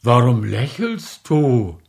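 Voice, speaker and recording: A man's voice: mid-range voice, expressive, drawn-out words, a little mellow. A man reading aloud and voicing a curt, irritable middle-aged husband in a story. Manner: gruff, snapping.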